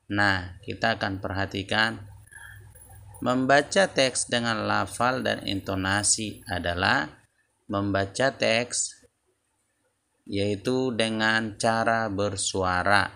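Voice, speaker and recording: Man teaching kids, unhurried and gravelly, repeats points. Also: on the low side, pushed and bright. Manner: slow, deliberate explaining with repetitions. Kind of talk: lesson video for children.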